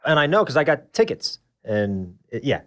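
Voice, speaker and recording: A man's voice: medium pitch, very animated, moderate pace. A man hosting a casual podcast interview, chiming in with short, blunt reactions and opinions. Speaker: podcast host.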